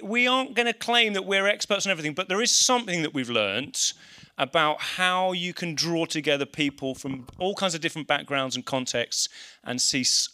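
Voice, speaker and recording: An English man with a fairly high, bright and forward voice. He leads an informal seminar, explaining things carefully with some hesitation. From English Midlands. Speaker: church leader presenting a seminar.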